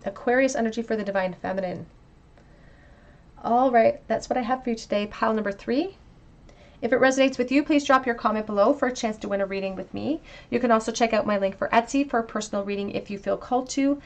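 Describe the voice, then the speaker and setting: A woman giving a pick-a-card tarot reading, speaking gently and reflectively straight to the viewer. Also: a little high, fast talker. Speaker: tarot reader.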